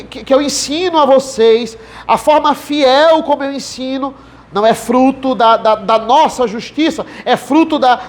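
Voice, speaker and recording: Pastor preaching a sermon. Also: male voice, extremely high pitch. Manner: reads verses aloud, then explains them with repeated "veja". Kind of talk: expository sermon.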